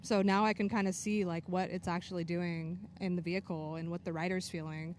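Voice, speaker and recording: A woman's voice: on the low side, flat delivery, brisk, slight background noise. A woman engineer and navigator explaining shock parts casually, laughing, partly with food in her mouth. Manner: casual, laughs, talks while eating, explains plainly. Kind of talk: casual interview answers.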